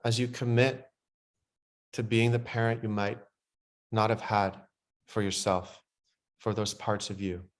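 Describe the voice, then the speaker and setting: Leading guided breathwork, this man speaks in a level tone on the low side. His calm, unhurried directions fade gentler and quieter whenever the relaxation sections arrive.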